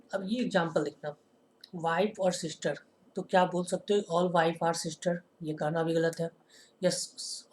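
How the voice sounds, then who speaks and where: Pitched high and a little mellow, this man's voice carries a lesson delivered classroom-style over slight background noise. Rhetorical questions get answered by him in turn, and he slows to highlight every example sentence.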